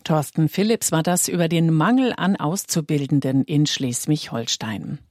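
A man's voice: fairly high pitch, moderate pace, darkish tone, no echo, studio quality. A man presenting radio news from a script.

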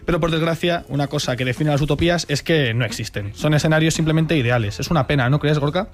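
A man's voice: fairly high pitch, quick pace. A man presenting a radio segment in a studio, enthusiastic and jokey, often adding tag questions. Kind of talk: chatty radio talk segment. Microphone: studio microphone.

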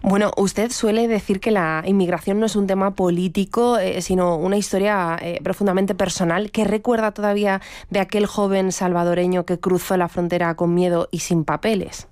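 A woman hosting a radio news interview, speaking in a clear, scripted way. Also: medium pitch, flat delivery, normal speed, hardly any pauses, darkish tone, no echo, studio quality. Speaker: radio host.

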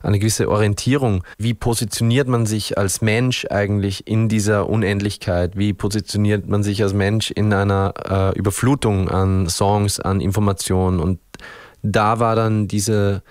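A man's voice: lowish voice, flat delivery, moderate pace, darkish tone, no echo, clean studio sound. A man from Upper Austria with an Austrian accent, a band frontman giving a radio interview, thinking aloud and restarting his sentences. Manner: thoughtful, searching for words, many restarts.

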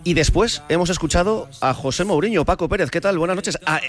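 A man hosting a late-evening radio sports show, presenting the day's news with brisk delivery. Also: sits high, crowd noise.

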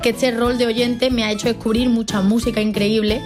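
A young woman from Málaga with an Andalusian accent, giving a fast, joking, chatty radio monologue. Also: fairly high pitch, little pitch movement, over music. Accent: Andalusian Spanish from Málaga. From Spain. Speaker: radio presenter.

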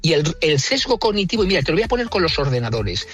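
Soft music plays faintly behind a Madrid-born engineer being interviewed, whose voice is a little high, sing-song, fast and somewhat bright. In his central Spain accent he lays out strong opinions with everyday examples, talking conversationally and tossing in rhetorical questions.

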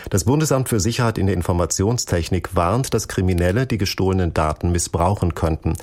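A man reading a radio news bulletin in a measured, formal way. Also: deep voice, darkish tone. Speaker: newsreader.

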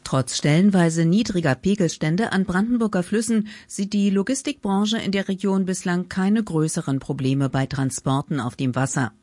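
A woman with a lowish voice reads a scripted news report for radio in a measured way. Her voice sounds dry and close. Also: warm tone, no room sound. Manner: measured, read-out delivery.

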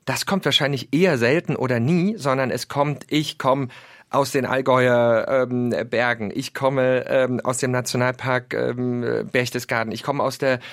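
Earnest male discussant, halting fillers, dry close mic. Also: medium pitch, no echo. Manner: earnest, many filler pauses, acts out quotes. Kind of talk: conversational discussion.

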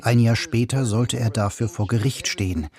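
A man reading a scripted radio portrait in an even, measured way. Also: medium pitch. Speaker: radio reporter. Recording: music bed under voice.

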